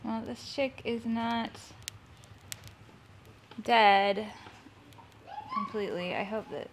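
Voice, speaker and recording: A soft-spoken woman in her thirties from Missouri, USA, narrates a casual homesteading vlog, gently talking to animals and children. Her voice sits a little high with fairly even intonation, and she takes her time. It's filmed on a handheld camera inside a farm building and home kitchen, with background music playing under her voice and some background noise.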